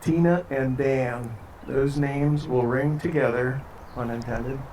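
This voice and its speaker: A man leading a wedding ceremony as officiant, speaking in a steady, formal way with light joking asides. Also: medium pitch, takes it slowly. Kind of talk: ceremony address. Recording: distant mic, faint background noise.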